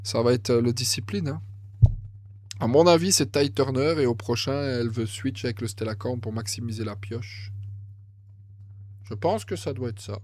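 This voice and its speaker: A man commenting on a card game match, excitable and thinking aloud as he goes, often correcting himself. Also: medium pitch, normal speed, a little hiss or hum.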